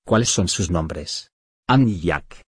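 A man reading short phrases one by one for a language lesson, slow and even. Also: deep voice, slightly rough, no room sound, studio quality. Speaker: phrase reader.

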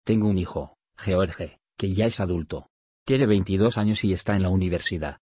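A man reading short phrases one by one for a language lesson, slow and even. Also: low-pitched, husky, no room sound, studio quality. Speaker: phrase reader.

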